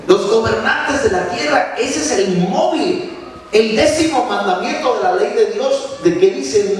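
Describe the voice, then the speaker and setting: A man preaching a sermon to a congregation, emphatic, swinging between loud and hushed lines and asking the people questions. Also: sits high. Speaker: minister preaching. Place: church sanctuary. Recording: distant, very echoey church recording with faint noise.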